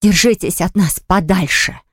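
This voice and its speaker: A woman's voice: on the low side, a little fast, darkish tone, dry recording, studio quality, lightly acted. A woman voicing an indignant young woman baker who speaks in a shaky, upset voice.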